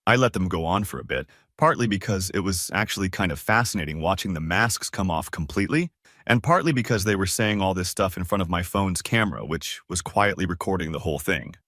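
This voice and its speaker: A man with a lowish voice tells a first-person story as scripted narration. His delivery is casual and conversational. The recording is close and dry, with no room sound. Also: expressive, fairly quick, a bit bright, dry recording.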